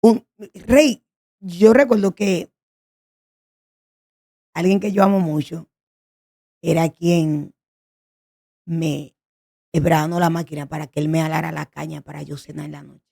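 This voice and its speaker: A woman's voice: low-pitched, fairly even intonation, unhurried, creaky, long pauses, warm tone. A woman sharing an emotional personal testimony as a guest, telling her story in an earnest, pleading way.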